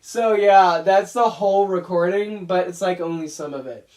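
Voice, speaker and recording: A young man talks loosely through his old videos. He rambles, stops to laugh and mocks his past self in a relaxed, chatty way. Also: sits high, moderate pace. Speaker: YouTube animator reacting to his old videos. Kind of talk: casual reaction commentary.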